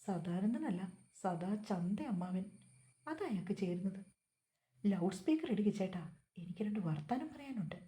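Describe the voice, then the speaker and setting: A woman's voice: medium pitch, lively intonation, normal speed, pauses often, dark tone, natural voice. A woman reading the part of a cheeky young man who talks in a teasing, sarcastic way.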